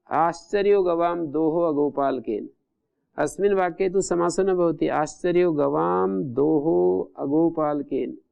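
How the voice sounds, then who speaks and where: Gravelly-voiced man teaching Sanskrit grammar. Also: on the high side, a little mellow, dull audio. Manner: methodical, repeats and glosses each term. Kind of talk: classroom lecture explaining grammar rules.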